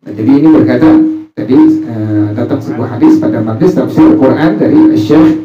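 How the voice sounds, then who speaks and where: Joking preacher in an echoey hall. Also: male voice, medium pitch, normal speed. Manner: jokey, asks the audience questions and answers himself. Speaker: religious teacher. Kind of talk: informal religious study sermon. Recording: roomy, distant, muffled, faint music.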